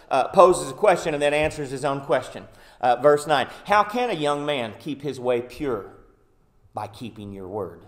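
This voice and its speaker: Earnest male pastor preaching a sermon. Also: on the high side. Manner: earnest, emphatic preaching with many "uh" and "um" fillers. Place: church sanctuary.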